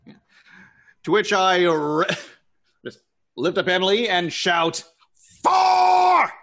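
A man's voice: sits high, steady tone, takes it slowly, sharp tone. A man playing a tabletop game, joking, swearing and laughing a lot as he talks. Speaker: player. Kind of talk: casual game chat.

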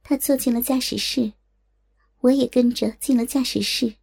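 High, creaky woman storyteller. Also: fairly even intonation, normal speed, a little mellow. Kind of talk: first-person story narration.

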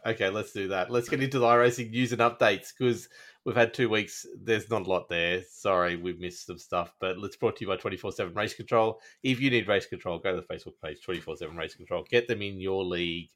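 A man's voice: low-pitched, quick pace, fairly bright tone. An Australian man hosting a podcast in a casual, chatty style. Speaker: podcast host.

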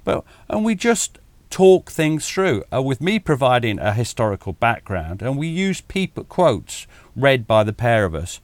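A middle-aged man talks over a video call, his pitch leaping up and dropping away as he warms to a point. He restarts his sentences often and chuckles at himself. The sound is close and dry, with no room around it. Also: a little slow, few pauses, dry recording. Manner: animated, self-deprecating, chuckles often, frequent restarts. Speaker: military historian, podcaster, guest.

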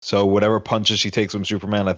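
A man's voice: lowish voice, completely flat delivery, fast, a bit bright, no echo, muffled recording. A man talking casually as a podcast panelist, giving his opinions in a discussion.

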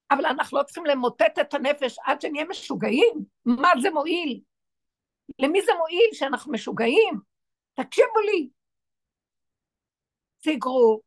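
High-voiced woman giving a religious talk. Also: vocal fry, fairly bright tone, no echo. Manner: emphatic, full of rhetorical questions. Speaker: spiritual teacher.

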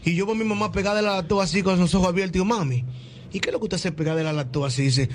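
A man fires off jokes on a radio show in a high voice. He races through the setups and voices each character. A faint hiss runs underneath. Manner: rattles off jokes quickly, acting out the characters. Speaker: joke teller on radio. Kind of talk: telling jokes on live radio.

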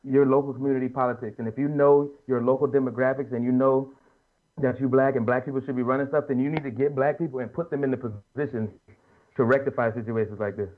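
A man in his late thirties sits on a podcast panel, arguing his opinions casually but earnestly and emphatically in colloquial speech, repeating and rephrasing his points. His mid-range voice is fast with fairly even intonation, and the lo-fi audio sounds muffled.

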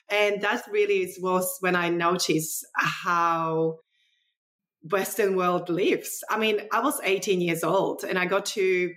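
A nutritionist guest from the former Czechoslovakia, this woman speaks with a voice on the low side and a bit bright. Her storytelling is casual, conversational, chatty and enthusiastic, her phrasing non-native.

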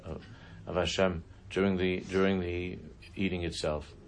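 A man teaching a religious class, telling a story in a halting way, often restarting his sentences. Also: low-pitched, flat delivery, a little hiss or hum. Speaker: Torah teacher.

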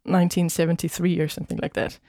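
A woman from Denmark, a guest musician in an interview, speaking thoughtfully with frequent pauses and fillers. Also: lowish voice, level tone, warm tone, no room sound, clean studio sound. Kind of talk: casual interview chat.

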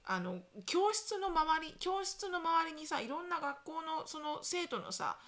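A middle-aged woman co-hosting a casual chat show, telling animated stories and acting out quotes loudly, mixing in English phrases. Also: very high voice, a little slow, crowd noise. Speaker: podcast co-host.

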